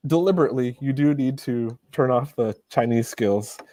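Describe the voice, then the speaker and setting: A man from the United States, a YouTuber guest, casually telling animated anecdotes and laughing often. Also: medium pitch, normal speed, no room sound. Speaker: interview guest, Chinese-teaching YouTuber. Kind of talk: casual storytelling in a video interview.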